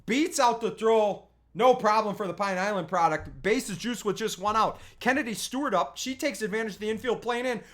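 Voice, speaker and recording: A youth softball coach narrates game highlights in a loose, chatty play-by-play. The delivery is full of quick asides and self-corrections, and it jumps to loud, excited cheering on big plays. The pitch sits in the middle range. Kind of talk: highlight recap commentary over game video.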